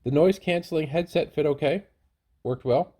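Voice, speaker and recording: A man narrating a travel review casually, in a plain, low-key, informal way. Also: moderate pace, warm tone. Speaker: travel vlogger.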